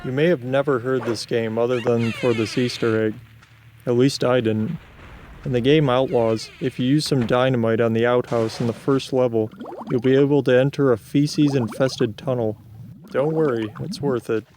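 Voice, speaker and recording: A man reading scripted video game narration in a deadpan manner, with casual asides. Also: medium pitch, moderate pace, slight background noise.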